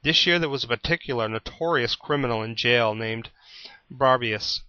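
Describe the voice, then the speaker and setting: A man reads scripture aloud with a bright, forward tone. His delivery is steady and plain, like a storyteller. The recording is dry and slightly dull. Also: medium pitch, normal speed, smooth, no room sound. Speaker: Bible reader. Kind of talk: scripted Bible reading.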